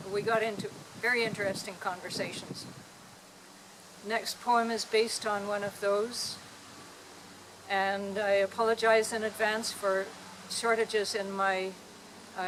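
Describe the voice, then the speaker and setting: A woman poet reciting her poems to a small audience in an outdoor park, with a gentle, lilting delivery. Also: mid-range voice, slight background noise, low-quality recording.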